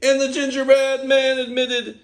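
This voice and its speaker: Speaking at a measured pace with an extremely high pitch, a man hosts a children's read-aloud. He animates the picture book as a storyteller and chats to the little listeners between pages.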